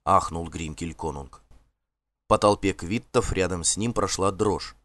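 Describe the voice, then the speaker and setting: A man narrating an audiobook in a measured, expressive reading. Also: sits low, no room sound.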